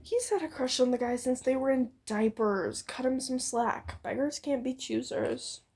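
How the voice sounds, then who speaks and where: This co-host narrates fan fiction with a sense of fun, often pausing the story for jokes and giggles. She has a high, slightly rough voice with a darkish tone and speaks at a moderate pace.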